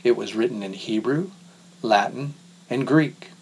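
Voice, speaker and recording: Man giving a measured scripture reading. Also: medium pitch, a little mellow, slightly rough, poor audio. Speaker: scripture reader.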